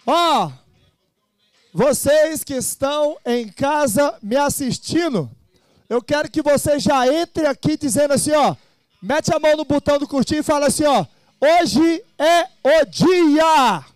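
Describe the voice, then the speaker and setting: High-voiced, fired-up male seminar speaker. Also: moderate pace, dry recording. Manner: energetic, urges the crowd to repeat chants. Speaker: motivational speaker hosting a seminar. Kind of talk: live seminar pep talk.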